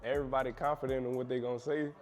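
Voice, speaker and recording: A man's voice: mid-range voice, level tone, racing, faint music behind. Playful young man hosting a casual chat. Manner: playful, hyping and joking. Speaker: host.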